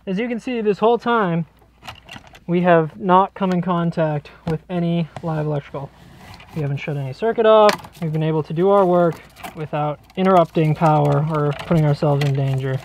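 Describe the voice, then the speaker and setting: An electrician host jokes casually as he explains on-the-job wiring to camera from a cramped basement crawl space. His fairly high-pitched voice moves at normal speed, with a little hiss or hum on the audio.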